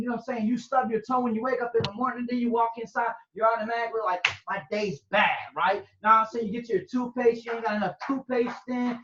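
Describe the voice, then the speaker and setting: A man teaching from the Bible to a group in a relaxed, conversational way, often asking "right?" and acting out reactions. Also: very high voice, a little hiss or hum. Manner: conversational, repeats "you know what I'm saying" and "right?"; acts out quoted reactions with sudden loud cries. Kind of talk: casual scripture teaching to a group. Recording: dull, echoey room recording.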